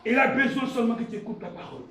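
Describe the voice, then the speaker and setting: A man preaching a fervent sermon to a congregation, shouting and repeating phrases, crying out alleluia in call-and-response. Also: very high-pitched, fairly even intonation, very fast. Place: church hall with congregation. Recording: echoey hall from far off, crowd and noise.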